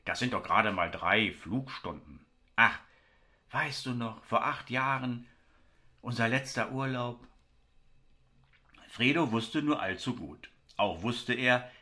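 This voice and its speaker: A man's voice: lowish voice, sharp tone. A man reading a story aloud with wry, ironic narration.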